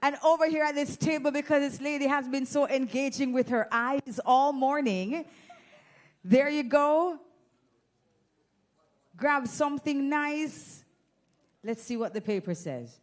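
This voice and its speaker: A woman's voice: sits high, unhurried, pauses often. A Jamaican woman hosting an event, teasing and chatting with the audience into a handheld mic. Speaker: event host. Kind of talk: lively emcee banter with audience. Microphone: handheld microphone.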